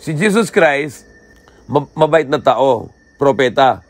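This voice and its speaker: A man's voice: mid-range voice, expressive, slow pace, dry recording. A man giving a religious lecture in simple, broken phrasing, asking rhetorical questions and checking in with "di ba?". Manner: rhetorical questions answered himself.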